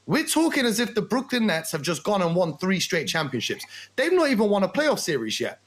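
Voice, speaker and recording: A man's voice: high voice, sing-song, fairly quick. A man on a sports talk show arguing his point with rhetorical questions and emphatic punches. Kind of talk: animated basketball debate.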